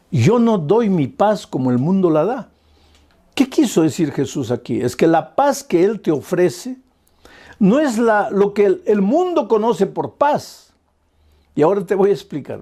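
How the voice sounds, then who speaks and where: High-voiced pastor preaching earnestly. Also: male voice, darkish tone. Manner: earnest, pleading preaching with repeated phrases. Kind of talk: sermon.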